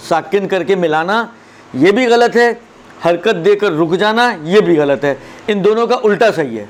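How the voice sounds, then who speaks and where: A man with a fairly high voice gives a religious lesson on prayer recitation. He explains patiently and recites example verses slowly, often checking that his listeners follow. Faint background noise and passing vehicles are heard behind him. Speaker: religious teacher.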